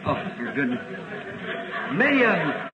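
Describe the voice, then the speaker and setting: A man's voice: a little high, very animated, a little slow. An American man preaching a sermon, telling a story earnestly and rising to fervent exclamations. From United States. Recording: dull archive recording with faint hiss.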